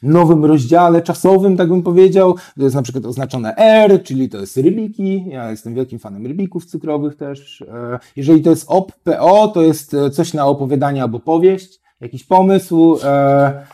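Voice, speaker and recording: Man, guest writer, casual chat, fairly high voice, mellow tone, hesitant with lots of fillers. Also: lively intonation, moderate pace, few pauses. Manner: hesitant, many fillers and tag questions.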